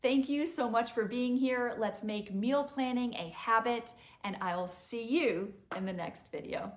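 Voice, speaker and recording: A woman's voice: fairly high pitch, unhurried, echoey room. A woman vlogger in a casual, enthusiastic chat to camera, wandering off into side stories. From Vermont. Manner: chatty and enthusiastic, digresses. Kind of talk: casual vlog talk to camera.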